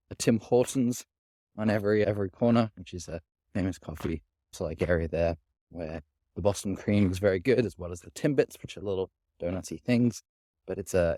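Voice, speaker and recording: A man's voice: on the low side, dark tone, no echo, studio quality. A man giving a casual, rambling vlog to camera while walking outdoors, often hedging as he talks. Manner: rambling, hedging with sort of and kind of. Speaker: vlogger. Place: outdoors in a city park.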